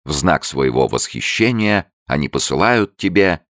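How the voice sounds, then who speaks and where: A man's voice: a bass voice, lively intonation, moderate pace, dry recording, clean studio sound, pitched above the performer's own voice. A man doing a brash, boastful young man. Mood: gallant. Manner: bold and chivalrous, sharp when challenged.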